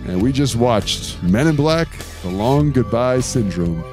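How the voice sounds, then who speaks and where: A man's voice: medium pitch, lively intonation, a little slow, music in the background. A man co-hosting a podcast in casual chat, recapping the plot and adding trivia. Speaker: podcast co-host.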